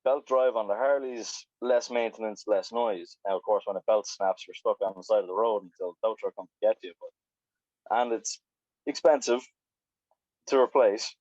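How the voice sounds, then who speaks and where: A man's voice: fairly low pitch, moderate pace, a little mellow, dry recording. A man, chatting casually and rambling about motorbikes on a video call. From Ireland. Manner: rambling, swears then apologizes. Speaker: biker guest on a video call. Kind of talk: casual chat. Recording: dull lo-fi video call audio.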